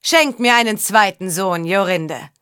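A woman reading the part of a mocking, scheming middle-aged knight in an audiobook, speaking slowly and drawing out words. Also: medium pitch, a bit bright, clean tone, no echo, studio quality, lightly acted. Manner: mocking, drawn-out delivery.

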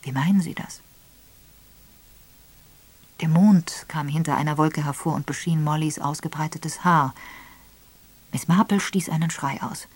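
Woman narrator, lowish voice, calm even storytelling, audiobook. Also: moderate pace, dry recording. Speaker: audiobook reader. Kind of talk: scripted narration.

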